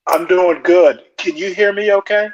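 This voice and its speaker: A man calling into a talk show through earbuds, his voice muffled as if inside a fishbowl, speaking in a measured, hesitant, lecturing way. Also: sits high, slight background noise. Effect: muffled sound, as if inside a fishbowl. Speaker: caller joining a live talk show. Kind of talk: casual call-in discussion. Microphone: earbuds microphone. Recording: dull lo-fi earbud audio.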